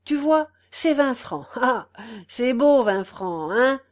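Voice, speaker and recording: A woman's voice: medium pitch, animated, takes it slowly. Woman putting on a pompous bullying squire. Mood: wheedling. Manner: boastful, then furious and shouting, then fawning.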